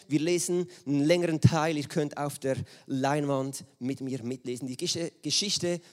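Lively man preaching. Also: on the high side. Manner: lively storytelling, acts out quoted voices. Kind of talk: sermon with Bible reading. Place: church hall with screen.

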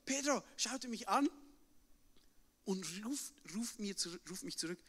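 Young man, high bright voice, lively stage storyteller, hall reverb. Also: unhurried. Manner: animated, tags sentences with a questioning "oder?". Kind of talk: live personal storytelling to an audience.

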